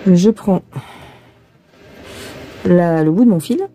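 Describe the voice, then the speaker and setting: A woman's voice: lowish voice, expressive, slow, dark tone, soft background music. Chatty French woman teaching cross-stitch. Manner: chatty, thinking aloud, addressing viewer as tu. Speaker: cross-stitch tutorial host. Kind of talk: casual hands-on embroidery tutorial. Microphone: phone filming her hands.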